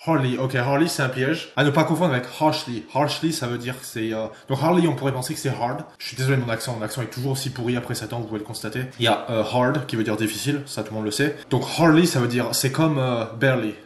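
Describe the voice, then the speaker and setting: A man vlogging in casual chat who gets excitable, swears freely and thinks aloud as he goes. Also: medium pitch, fast, few pauses. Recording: roomy echo.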